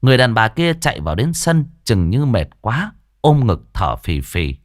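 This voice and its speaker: Give me a lively male ghost story narrator. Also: mid-range voice, moderate pace, no room sound. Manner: dramatic, expressive. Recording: dry studio voice with faint music.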